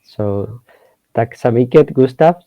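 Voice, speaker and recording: Male host for interview, unhurried and gravelly, courteous, halting in non-native English. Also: medium pitch, dark tone, no echo. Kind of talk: hesitant interview hosting.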